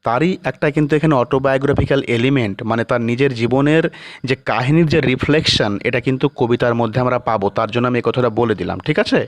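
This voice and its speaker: A male teacher lecturing on a poem, speaking at a middle pitch. He moves slowly through each point. He reads English phrases out word by word and breaks into nearly every sentence with a quick check for understanding. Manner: explains slowly, asks "ঠিক আছে?" after nearly every point; mixes English phrases into Bengali, reading English definitions very slowly. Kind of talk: classroom lecture.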